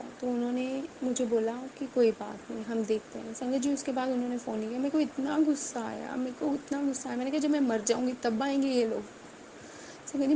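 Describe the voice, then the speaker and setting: A woman's voice: fairly high pitch, gravelly, background noise. A woman giving an earnest, emotional devotional testimony, repeating her phrases and speaking straight to her listeners.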